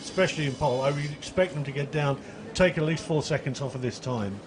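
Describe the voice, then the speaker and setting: A man's voice: on the high side, fast talker. A man doing live race commentary in a chatty, jokey way, describing boats he watches out the window.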